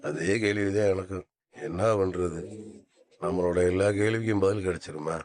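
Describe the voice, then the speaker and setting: Man playing a calm older husband. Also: low-pitched, normal speed, close to an everyday voice. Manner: calm, resigned. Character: calm middle-aged husband. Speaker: husband in TV serial. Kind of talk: Tamil TV serial acting.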